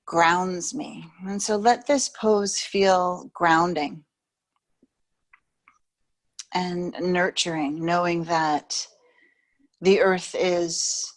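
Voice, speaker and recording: This is a female yoga teacher leading yoga nidra in a soothing manner, never rushing and letting long pauses fall between phrases. Her voice is pitched fairly low.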